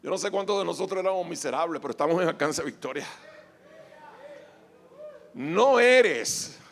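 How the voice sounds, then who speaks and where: A male pastor preaching a sermon, moving between quiet scripture reading and shouted exhortation. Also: on the high side, racing, vocal fry. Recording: echoey hall.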